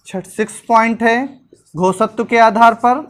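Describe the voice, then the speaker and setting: A woman's voice: on the high side, fairly even intonation, unhurried. A woman teacher giving an exam-prep lecture, repeating points and asking questions that she answers herself. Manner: repetitive drilling, asks and answers own questions.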